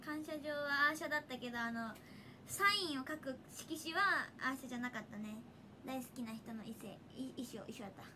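A woman's voice: sits high, fairly quick, noisy background. A young woman with a Hiroshima accent chatting casually on a livestream, reading viewer comments and laughing often. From Hiroshima, Japan. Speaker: idol livestreamer.

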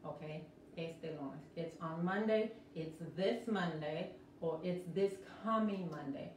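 A woman teaching a live-streamed English lesson, explaining slowly and repeating each word several times, with American English when she models words. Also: fairly low pitch, darkish tone, a little hiss or hum. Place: indoor room, live stream. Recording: roomy echo from a distant mic.

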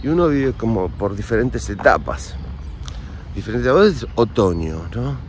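Very animated yet moderately paced, with a mid-range, slightly mellow voice, a forties-aged Argentine vlogger addresses his viewers directly in a chatty, confiding tone. He films himself on a phone at arm's length as he walks the city streets and a park, then stops at a café. Street and traffic noise is clearly audible.

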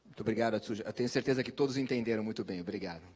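Male moderator, middle-aged, husky lowish voice, quick brisk delivery. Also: a little mellow, a little hiss or hum. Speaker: panel moderator. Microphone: handheld microphone.

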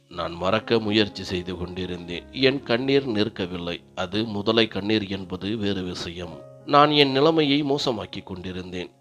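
Low-voiced man narrating a story. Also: fairly bright tone. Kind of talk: scripted first-person story narration. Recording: faint music behind the voice.

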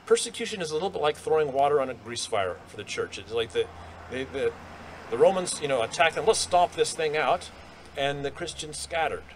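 A man's voice: fairly high pitch, expressive, brisk, a little hiss or hum. A middle-aged man preaching a sermon at a lectern in an outdoor church courtyard, talking conversationally with rhetorical questions and frequent restarts. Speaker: pastor. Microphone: stand mic at lectern.

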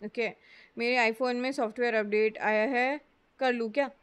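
A woman's voice: fairly high pitch, fairly even intonation, moderate pace, clean tone. A woman with an Indian accent chatting casually on a live stream, greeting and answering her viewers while switching between Hindi and English, in a room at home with a fan running.

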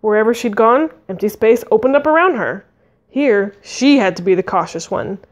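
A woman's voice: fairly high pitch, expressive, moderate pace. A woman reading a fantasy novel aloud, narrating expressively and voicing the dialogue. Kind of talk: audiobook reading.

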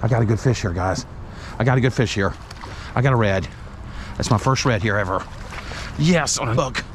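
A middle-aged man with a drawl talks to his action camera while fishing on a windy waterfront. His commentary is excitable and folksy, in a mid-range voice. Wind and water noise run clearly beneath him. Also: mid-range voice, fairly quick. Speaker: fishing vlogger. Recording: outdoor wind and boat noise. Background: wind and water ambience.

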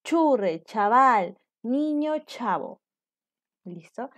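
A woman's voice: a little high, lively intonation, extremely slow, a bit bright. A young adult woman from Peru, teaching a virtual class and explaining points while checking in with her students. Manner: explanatory, asks students for confirmation.

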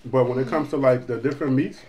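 Man, middle-aged, middling pitch, rambling restarts, faint background hiss. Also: fast talker, darkish tone. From Liberia. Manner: rambling, restarts phrases, explains dishes to viewers. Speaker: cooking channel host. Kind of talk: casual family mukbang chat.

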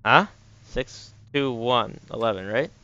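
Taking it slowly, a streamer mutters through casual commentary on his gameplay in a mid-range, pushed, bright voice. His tone is clean with no echo, though the audio is dull, and faint noise and clicks can be heard.

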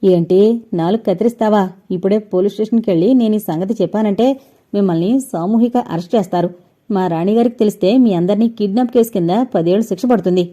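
A woman's voice: mid-range voice, quick pace, dark tone, natural voice. A woman voicing a fierce old grandmother, scolding. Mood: angry. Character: sharp-tongued old grandmother, fierce and stubborn.

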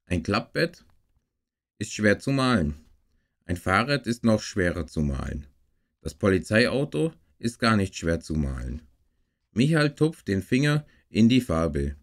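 A man reads a storybook aloud in a low, unhurried voice. His delivery is calm and even, taking time over each sentence. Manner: slow, calm, even reading. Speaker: story reader and streamer. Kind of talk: storybook reading.

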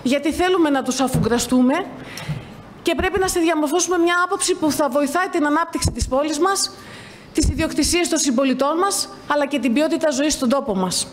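A woman council member making an earnest, measured speech at a municipal council meeting. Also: sits high, slight background noise.

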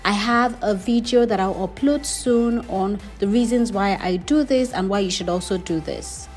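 A woman's voice: medium pitch, normal speed, darkish tone, soft background music. A woman hosting her cooking channel, giving friendly step-by-step instructions in a voice-over. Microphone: voice-over, not recorded on camera.

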